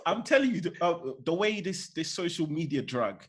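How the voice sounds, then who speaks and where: Slightly high-voiced young roadman podcast host. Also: big pitch swings, normal speed, slightly rough. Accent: urban English roadman. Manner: slangy, emphatic, repeats phrases. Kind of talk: casual podcast banter.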